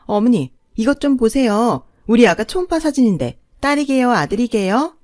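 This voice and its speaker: A woman voicing a spoiled, pregnant young sister-in-law who whines and pleads in a high, sly voice, in a dry recording. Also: big pitch swings, moderate pace, a little mellow, no room sound. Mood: coy.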